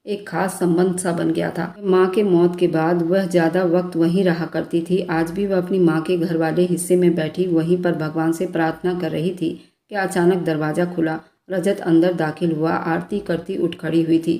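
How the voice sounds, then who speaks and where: A woman narrating an emotional family story in a slow, scripted manner. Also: fairly low pitch, flat delivery, mellow, echoey room.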